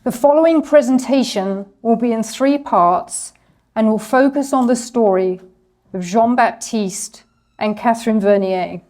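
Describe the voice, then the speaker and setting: A woman's voice: a little high, unhurried, a little mellow. A woman giving a scripted history presentation to an audience, reading steadily and stumbling a little over the French names. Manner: reads from a script, apologizes for her French pronunciation.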